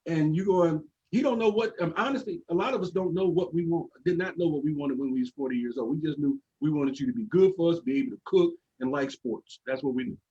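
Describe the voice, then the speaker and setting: A man's voice: fairly high pitch, fast, hardly any pauses, dark tone. A middle-aged man from the country giving emphatic opinions on a group call, talking with a toothpick in his mouth. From rural United States. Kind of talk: opinionated discussion. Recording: dull, lo-fi call audio.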